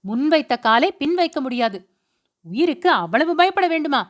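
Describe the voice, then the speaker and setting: Woman reads gruff young husband, harsh commands, high-pitched, storybook. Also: big pitch swings, normal speed. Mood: stern. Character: stern, short-tempered young husband.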